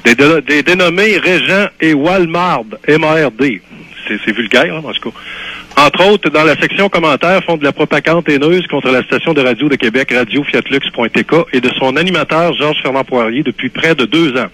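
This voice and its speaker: A man's voice: a little high, normal speed, sharp tone, low-quality recording. A man in his fifties with a Québécois French accent, calling into a radio show and reading a formal statement with hesitant restarts. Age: 50s. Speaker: caller. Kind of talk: phone call into a radio show.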